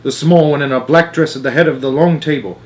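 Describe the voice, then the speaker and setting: A man voicing a calm, matter-of-fact old grandmother with a sly streak, in a storybook. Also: fairly high pitch, quick pace, voice pushed up, close to an everyday voice. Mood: mischievous.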